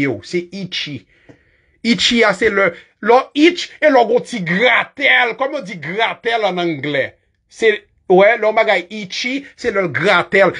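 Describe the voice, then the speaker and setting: Haitian guy teaching english, high husky voice that jumps around, laughs a lot, spells stuff out. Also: a bit bright. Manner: chatty, laughs often, spells words out. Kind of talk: casual online lesson.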